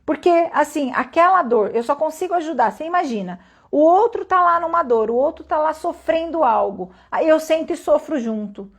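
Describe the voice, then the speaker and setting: A woman giving a calm, reflective spoken lesson at an unhurried pace, often pausing to ask her listeners questions. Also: sits high. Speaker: teacher.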